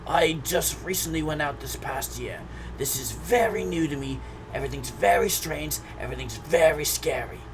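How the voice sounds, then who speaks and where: A man's voice: a little high, lively intonation, normal speed, a crowd in the background. A man playing a prim, timid sheltered adventurer. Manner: formal, polite, hesitant. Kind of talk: tabletop role-play. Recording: noisy background hum.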